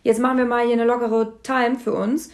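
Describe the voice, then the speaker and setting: A woman's voice: fairly high pitch, flat delivery, a little fast. A woman co-hosting a casual chat, recapping a reality show in a blunt, sarcastic, slangy way. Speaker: podcast co-host.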